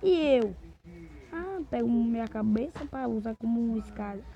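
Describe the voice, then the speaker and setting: A man with a Brazilian accent giving excitable, jumpy let's-play commentary to viewers. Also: very high-pitched, moderate pace, vocal fry. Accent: Brazilian Portuguese. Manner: excitable, jumpy, talks to viewers while playing. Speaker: gamer. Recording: dull lo-fi recording.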